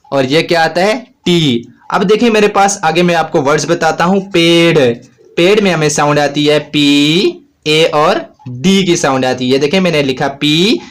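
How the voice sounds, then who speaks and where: A man teaching a shorthand lesson, patiently explaining each rule, asking his own questions and answering them right away. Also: fairly high pitch. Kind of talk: classroom-style lesson.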